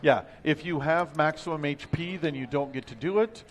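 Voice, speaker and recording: A man's voice: a little high, normal speed, slight background noise. A man casually walking players through the rules and turns of a card game. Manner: explanatory, upbeat, walks players through turns. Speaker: game guide explaining the rules. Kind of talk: casual tabletop game play.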